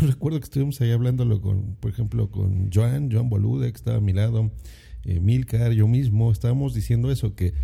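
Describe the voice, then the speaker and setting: A man hosting his own podcast in a relaxed, rambling way, full of fillers and "¿no?" tag questions, on a condenser mic. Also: mid-range voice, gravelly, slightly rough. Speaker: podcast host. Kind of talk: casual solo podcast talk. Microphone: condenser microphone.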